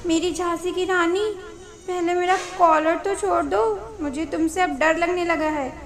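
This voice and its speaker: A playful young man in love, pleading and teasing with a boyish manner, as a woman narrator puts him on. The voice sits very high. It is read like a storybook. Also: unhurried.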